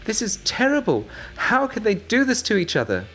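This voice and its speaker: A man's voice: lowish voice, big pitch swings, brisk, a little hiss or hum. A man voicing a naive, trusting young woman at a party, lifting his voice a little, in an audiobook story. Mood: alarmed. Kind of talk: audiobook narration.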